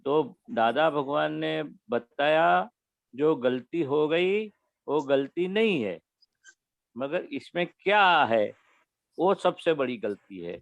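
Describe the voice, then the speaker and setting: A man giving a spiritual talk to young listeners, explaining slowly and repeating his key phrases. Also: fairly high pitch, animated, creaky, dry recording. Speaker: spiritual teacher. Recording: dull lo-fi recording.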